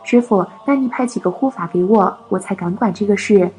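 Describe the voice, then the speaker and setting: A woman's voice: mid-range voice, brisk, darkish tone, soft background music, natural voice, rough recording. A woman voicing a frightened young male disciple who pleads and hesitates. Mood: pleading.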